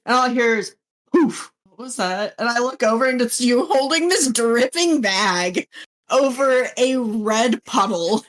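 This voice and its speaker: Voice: mid-range voice, unhurried, a bit bright. A young adult podcast co-host trading playful, joking banter in casual chat.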